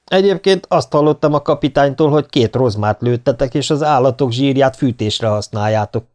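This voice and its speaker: A man's voice: medium pitch, darkish tone, pitched above the performer's own voice, natural voice. A man voicing a young male lieutenant, a stubborn officer who gives firm, clipped orders in an audiobook. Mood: stern.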